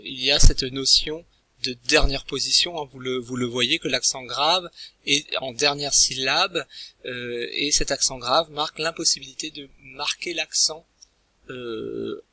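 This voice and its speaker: Male teacher, very bright voice, halting delivery, dry close-miked sound. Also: mid-range voice, dry recording. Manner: hesitant, many filler sounds and restarts. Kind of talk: recorded language lesson.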